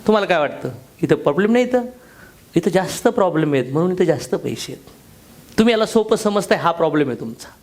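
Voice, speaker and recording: High-voiced, blunt joking male speaker. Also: animated, fast talker, a little mellow. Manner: blunt, slangy and joking, with emphatic repetition; fires questions at the audience. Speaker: motivational business speaker. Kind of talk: seminar talk to a live audience.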